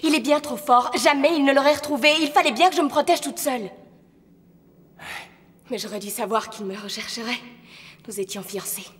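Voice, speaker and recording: A woman's voice: on the high side, fairly quick, pauses often, fairly bright tone, long reverb tail, a little hiss or hum, close to an everyday voice. An actress playing a hunted, resigned woman in a film drama, guarded and bitter. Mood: defensive, regretful. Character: hunted, resigned woman, former fiancée of a madman. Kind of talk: dubbed film drama dialogue.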